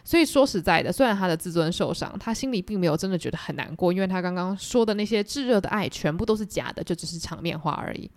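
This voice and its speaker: A woman with a Taiwanese Mandarin accent hosting a podcast, retelling a novel in a chatty, animated way with lots of fillers. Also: lowish voice, fast talker, hardly any pauses, no echo. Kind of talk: casual storytelling book talk.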